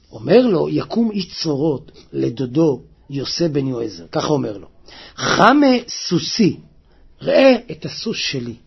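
A man preaching a sermon, telling a story dramatically and acting out the quoted lines with rising pitch and cries. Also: gravelly, slightly rough, lo-fi sound.

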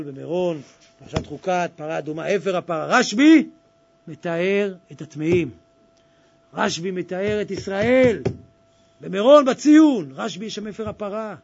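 A man preaching a fervent sermon, exhorting his listeners and swinging between hushed and loud passages. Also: sits high, slightly rough. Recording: dull lo-fi recording.

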